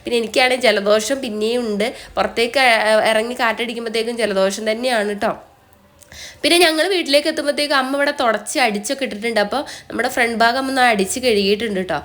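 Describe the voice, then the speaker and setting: A woman's voice: on the high side, fast talker. A young Malayali woman with a blocked, nasal voice from a cold, chatting through a casual voice-over for her vlog. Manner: chatty, often ends phrases with a soft tag word. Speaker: vlogger.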